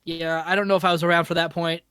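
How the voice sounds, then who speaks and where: A man's voice: on the high side, flat delivery, fast talker, bright, forceful tone, clear, resonant tone, no echo, studio quality. A man co-hosting a podcast, telling stories in casual chat, rambling and correcting himself as he goes. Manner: rambling storytelling with frequent laughs and self-corrections. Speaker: podcast co-host.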